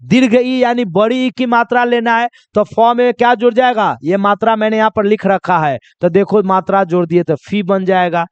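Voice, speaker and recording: A man teaching English pronunciation in a classroom-style lesson, asking questions and answering them himself, and slowly spelling out letters. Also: high voice, fairly even intonation, clear, resonant tone, no room sound, lo-fi sound. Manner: repetitive call-and-answer teaching, asking then answering his own questions; drawn-out slow spelling of letters.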